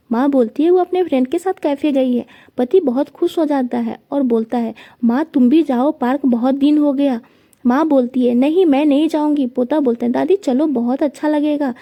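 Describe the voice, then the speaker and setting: A woman's voice: sits high, dark tone. A woman reading a family story aloud, retelling it plainly and voicing quotes only lightly.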